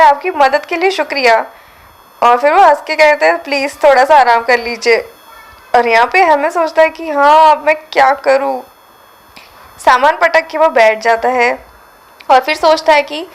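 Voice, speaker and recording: A woman's voice: sits high, a bit bright. A woman casually retelling a comic scene by scene, reading out each character's lines in much the same plain voice. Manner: retells scenes with "तो फिर वो कहता है", voicing lines with little change. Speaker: manhwa narrator.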